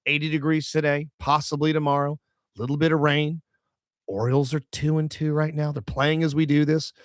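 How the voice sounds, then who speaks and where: A man hosting a podcast, telling a crude comic story in lively chat and acting out what others said. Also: fairly high pitch, a little fast, dry recording, studio quality. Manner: animated, crude jokes, acts out quotes. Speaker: podcast host. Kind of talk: casual comedic storytelling.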